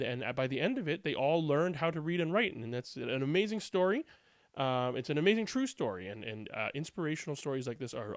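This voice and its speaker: A man with a voice on the high side hosts a read-aloud, telling picture-book stories expressively and adding informal comments. The recording is studio quality, with no echo.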